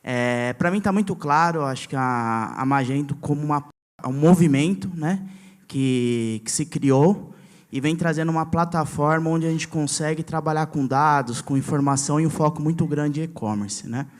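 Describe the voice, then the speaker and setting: A man in the audience asking a hesitant, halting question with fillers. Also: a little high.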